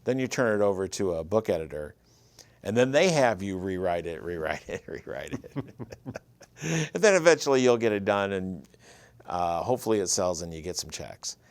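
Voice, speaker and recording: A low-pitched, lively voice at normal speed, recorded with no echo, comes from a Michigan man in his fifties, from Michigan, USA, who carries the regional accent. As a writer-producer guest, he relaxes into storytelling during a casual interview chat.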